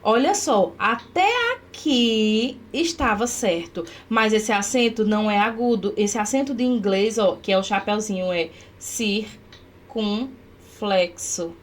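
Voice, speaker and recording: A woman leads an exam-prep grammar lesson in a fairly high voice. She breaks each point down step by step and keeps checking that her students follow. She speaks as a teacher recording a lesson. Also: unhurried, slight background noise. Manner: explains step by step, often checking with "certo?".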